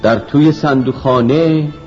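A man narrating a children's story in rhyming verse, telling it with lively storytelling. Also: mid-range voice. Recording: dull lo-fi recording, faint music.

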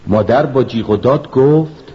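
A man narrating a children's story in rhyming verse, telling it with lively storytelling. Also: mid-range voice. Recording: dull lo-fi recording, faint music.

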